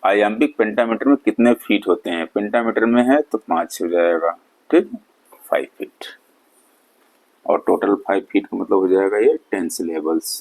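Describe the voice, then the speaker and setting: A man teaching literature, reading exam questions slowly and then explaining each answer in quick Hindi asides. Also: fairly low pitch, creaky, a little mellow, rough recording. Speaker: English literature lecturer. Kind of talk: exam-prep lecture in Hindi-English mix.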